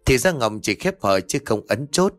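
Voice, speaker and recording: A man narrating a ghost story in a steady, measured storytelling voice. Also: mid-range voice, faint music behind.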